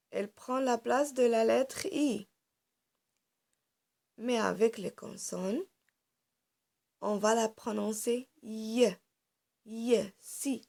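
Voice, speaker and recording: Very slow, gravelly-voiced woman teacher. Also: on the high side, darkish tone. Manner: patient, repeats each sound several times; explains step by step while drawing on a board. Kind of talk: phonics lesson for young children.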